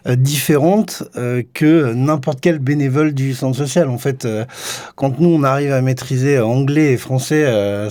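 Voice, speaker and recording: A man's voice: mid-range voice, warm tone, dry recording. A man who coordinates an association, explaining a project as a guest in a radio studio, rambling with many fillers and restarts. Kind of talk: radio interview.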